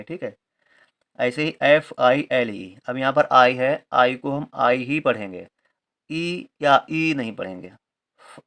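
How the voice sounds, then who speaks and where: Patient man spelling words out slowly. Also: mid-range voice, a bit bright, smooth. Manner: patient, repeats each point with a confirming aside. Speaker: teacher. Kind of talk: Hindi-medium English reading lesson.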